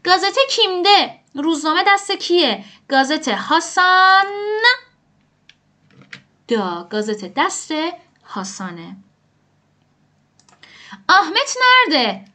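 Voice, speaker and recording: A woman's voice: extremely high pitch, sing-song, long pauses, pushed and bright. A woman teaching grammar step by step, patiently asking questions and answering them herself. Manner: patient, explains rules aloud, poses and answers her own questions. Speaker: language teacher.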